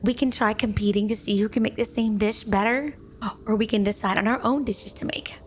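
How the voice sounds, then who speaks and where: Music underlies a brisk, natural-sounding woman's voice, mid-range and fairly even, with slight background noise. She plays a doting, eager yandere snow woman wife, sweet and obsessively devoted, flirting with the listener in ASMR roleplay in a sugary, clingy way.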